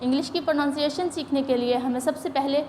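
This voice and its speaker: A woman with a Pakistani accent, teaching an English reading lesson in a patient, explanatory way and spelling words out slowly. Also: high voice, a little mellow, slight background noise.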